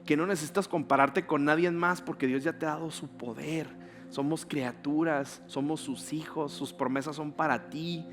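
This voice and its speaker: Man, pastor, conversational sermon, rhetorical questions, somewhat high voice. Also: fairly even intonation, moderate pace, a bit bright, soft background music.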